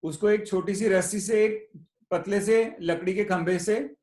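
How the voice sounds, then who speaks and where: A man's voice: high voice, steady tone, measured pace, a little mellow, echoey room. A man giving a motivational talk at a club meeting. He tells a story and often repeats his words. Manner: storytelling, repeats words, mixes Hindi and English. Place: meeting room.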